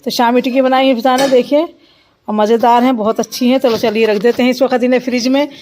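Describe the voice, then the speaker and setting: A woman walks through her home, chatting into her phone camera. She talks in a warm, doting way and coos at the little ones between remarks on the kitchen. A light hiss lies behind her voice. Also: a little high, fairly even intonation, fast. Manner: chatty, coos and baby-talks with small children. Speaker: family vlogger. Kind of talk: casual home vlog narration. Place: home kitchen and living room.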